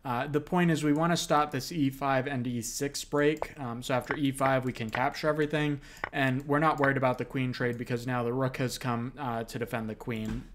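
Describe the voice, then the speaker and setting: A male chess commentator at a middling pitch talks through variations at an unhurried, explanatory clip. He breaks the analysis with small fillers as he goes. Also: fairly even intonation, slight background noise. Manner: explains moves steadily with frequent fillers.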